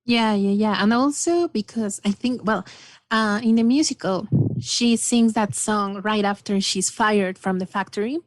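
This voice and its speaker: A woman's voice: medium pitch, measured pace, dry recording. Enthusiastic woman guest, dry close sound. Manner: enthusiastic, animated. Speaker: podcast guest. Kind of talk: casual film discussion.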